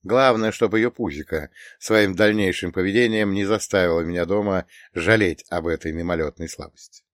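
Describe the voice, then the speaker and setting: A man reads a first-person audiobook with a wry, ironic touch. His voice sits on the low side. The recording is close and dry, with no room sound. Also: normal speed, dry recording. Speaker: audiobook narrator. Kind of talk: scripted first-person narration.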